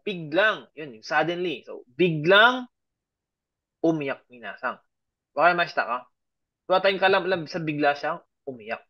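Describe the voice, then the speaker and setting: A man's voice: on the high side, expressive, normal speed. A man with a slightly raised voice teaches a grammar lesson, walking through example sentences step by step. He keeps checking whether his class is following. The sound is dull and lo-fi. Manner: patient, keeps checking understanding; mixes English and Japanese examples into his explanations. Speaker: Japanese language teacher. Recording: dull lo-fi audio.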